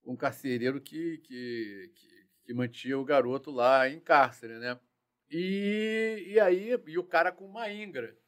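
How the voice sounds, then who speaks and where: A man, a former police chief telling war stories in a slangy, profane, animated way. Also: on the high side, measured pace. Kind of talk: casual storytelling interview.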